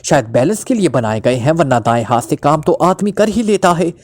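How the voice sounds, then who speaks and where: A man's voice: fairly high pitch, very animated, brisk, darkish tone. A man voicing a flippant, unflappable male detective who teases and mocks in a breezy way. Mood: teasing. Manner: breezy, mocking, teasing.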